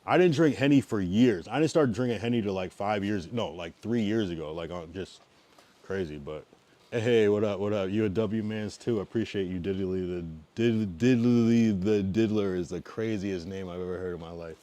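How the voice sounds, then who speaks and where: Talking with viewers on a livestream, this thirty-something East Coast man, from Massachusetts and Connecticut, has a lowish voice and a moderate pace. His easygoing chatter swings loud at times, then fades into mumbles.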